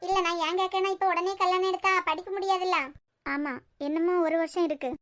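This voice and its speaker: A woman's voice: very high voice, fairly even intonation, brisk, a bit bright, no echo. A woman with a Kanyakumari Tamil accent voicing emotional cartoon serial dialogue. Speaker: cartoon voice artist.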